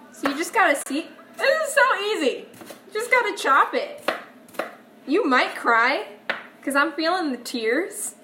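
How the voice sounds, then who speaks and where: A young woman with a high-pitched voice vlogs from her home kitchen, chatting to her viewers as she cooks and poking fun at herself. There's noticeable noise in the background of this casual cooking vlog.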